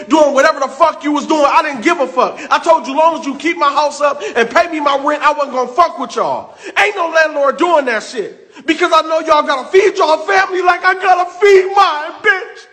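Furious, very high-voiced man ranting. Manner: furious, profane, swings between shouting and muttering. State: emotionally overwrought, voice breaking with tears. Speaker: landlord. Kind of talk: angry venting rant.

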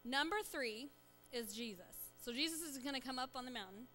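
A woman leading a children's sermon in a church, coaxing the children along with lively questions. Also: high voice, brisk, faint music behind. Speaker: church children's message leader. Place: church sanctuary.

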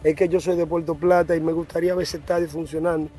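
A man's voice: a little high, level tone, fast talker, mellow, faint music behind. A middle-aged man with a Dominican accent, answering interview questions earnestly outdoors at a ballfield on a lapel mic. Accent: Dominican Spanish. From Dominican Republic. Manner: earnest, repeats himself. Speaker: team general manager. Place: outdoors at a baseball field.

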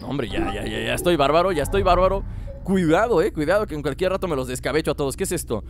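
A man's voice: on the high side, lively intonation, fast, background noise. A young man giving chatty, joking let's play commentary, laughing often. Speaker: gaming channel host.

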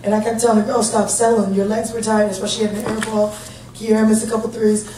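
Her voice mellow and her pitch mostly level, a female head basketball coach in her thirties talks at a quick pace during a post-game press conference, steady, plain-spoken and upbeat. The large conference room echoes, and the table mic, heard from a distant camera, carries a faint hum.

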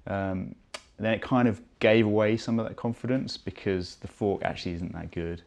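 Male tester, low voice with gravel, easygoing conversational delivery. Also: moderate pace. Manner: relaxed, agreeable, hesitant with fillers. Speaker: bike tester. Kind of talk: casual review chat. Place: office with bike on display.

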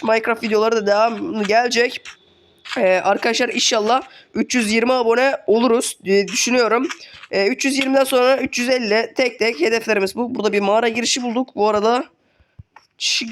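A rapid-fire young man narrating his game for his channel, rattling along in a worn, under-the-weather voice. He keeps chatting straight at his viewers and drops casual swear words. There's a faint hiss under his voice. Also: very high-pitched. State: sick, voice worn. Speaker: gaming channel host. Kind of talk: casual let's play commentary.

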